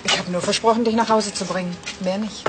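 An actress playing a dry-witted woman who answers with gentle irony. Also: medium pitch, steady tone, fast talker, background noise, close to an everyday voice. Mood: ironic. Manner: ironic, amused.

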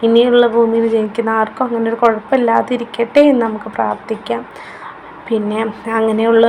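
Chatty mother, even flat tone. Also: fairly high pitch, vocal fry, slight background noise. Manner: chatty, keeps adding a tag word, warm motherly advice. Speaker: vlogger. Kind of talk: casual vlog chat.

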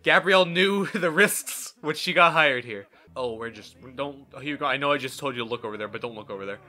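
A man's voice: medium pitch, brisk, pushed and bright. A man hosting a gameplay video with joking, sarcastic commentary, mock exasperation and exaggerated, overacted exclamations.

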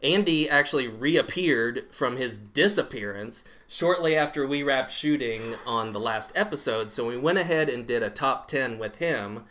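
A man co-hosting a horror podcast, chatting casually with deadpan jokes. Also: mid-range voice. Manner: jokey, deadpan banter. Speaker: podcast co-host. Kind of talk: casual comedic chat.

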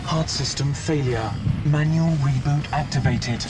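A man voicing a male armor-suit computer assistant that reads out system failure alerts in a flat, machine-like way, in a video game. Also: a little high, measured pace, close to an everyday voice. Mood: flat, alerting. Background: loud game music.

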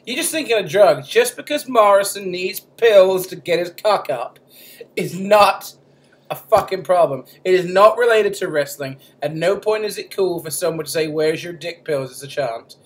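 A man's voice: sits high, lively intonation, normal speed. A man co-hosting a podcast, talking casually, joking crudely and laughing often. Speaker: podcast co-host.

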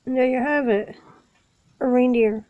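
A woman with a sniffly cold, calmly narrating each step of building a small toy set in a casual vlog. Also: high-pitched, a little slow, narrow, tinny audio. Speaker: toy vlogger. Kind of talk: casual unboxing and building walkthrough.

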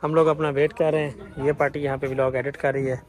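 On the high side and talking fast, this vlogger speaks with a flat delivery, and the audio is poor. He has a Pakistani Urdu accent and casually narrates a train journey as he films from the platform and carriage, in a chatty, teasing manner.

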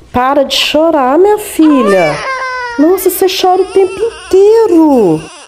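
A woman's voice: high-pitched, heavy background noise, full character voice. A woman voicing a desperate mother of a constantly crying little girl, pleading and frantic, in a game role-play voice-over. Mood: scolding. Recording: background music under the voice.

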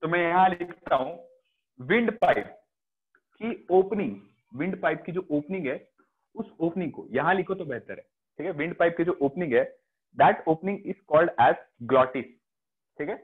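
A man's voice: fairly high pitch, expressive, unhurried, breathy edge. A man with an Indian accent teaching a biology class online, mixing Hindi and English and often checking that students follow. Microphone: video call. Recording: phone-like online class audio.

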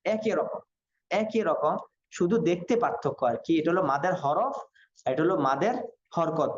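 A man teaching Quran reading in an online class, sounding out syllables slowly and repeating them for learners. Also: sits high, lively intonation, a little hiss or hum. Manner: slow syllable-by-syllable drilling, repetitive. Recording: dull lo-fi sound.

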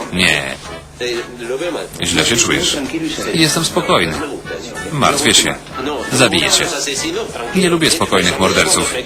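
A very low-pitched man reads a voice-over for a television drama. He speaks every character's lines in the same steady voice, without acting them. His intonation still moves up and down freely. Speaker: voice-over reader. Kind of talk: Polish-style single-voice TV voice-over reading.

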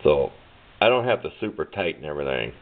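An extremely low-voiced DIY electronics presenter talks fast with big pitch swings while rambling plainly through a hands-on project at his home workbench. The handheld camera audio is muffled and narrow like a phone's, with a bit of hiss or hum.

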